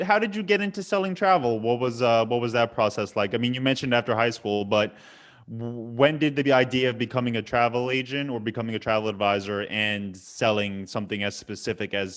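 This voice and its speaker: A man's voice: mid-range voice, fairly even intonation, brisk, a bit bright. A man hosting an online webinar interview, framing long loose questions and often repeating words as he goes. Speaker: webinar host.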